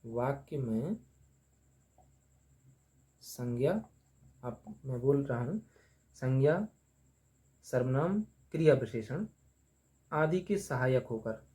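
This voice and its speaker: A man teaching a grammar lesson, who asks and answers his own questions and repeats each term slowly while writing on the board. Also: mid-range voice, expressive, mellow.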